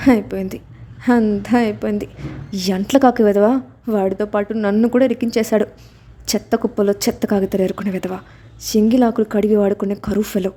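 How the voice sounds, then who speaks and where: A woman voicing a fiery young woman disguised as a man, sharp-tongued and scolding. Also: mid-range voice, fairly even intonation, a little fast, close to an everyday voice. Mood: grumbling.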